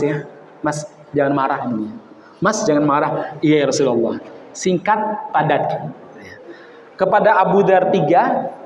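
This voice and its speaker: A man preaching at a religious study session, quoting Arabic passages and explaining them in a relaxed, chatty way, sprinkled with local words. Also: high voice, a little hiss or hum. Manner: quotes Arabic then explains, uses Javanese words. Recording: echoey hall, dull sound.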